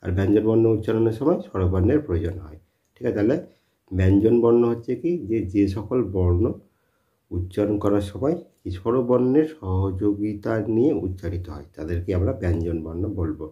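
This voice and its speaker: Low-voiced male teacher, dull lo-fi sound. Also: a little fast, warm tone. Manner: repetitive, asks and answers own questions. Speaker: English teacher. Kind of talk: spoken lesson.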